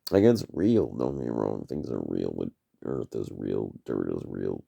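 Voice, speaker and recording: A man's voice: a bass voice, expressive, measured pace, creaky, dark tone, breathy edge. A man giving a rambling, profane solo vlog monologue, trailing off on tangents and tagging "man" onto his sentences. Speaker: vlogger.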